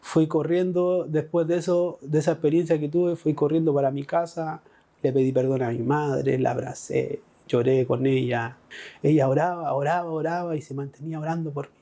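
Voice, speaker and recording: A middle-aged man with a Chilean Spanish accent shares his personal faith testimony, his emotion showing in repeated phrases. His voice is a little high, steady, mellow and at normal speed.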